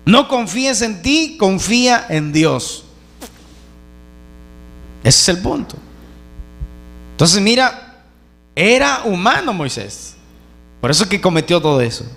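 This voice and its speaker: A male preacher delivering a sermon with a high-pitched voice. His pitch swings widely as he exhorts his listeners, and he keeps stressing his points. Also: sing-song, slow pace, pauses often, a bit bright. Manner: emphatic, exhorting, addresses listeners as brothers.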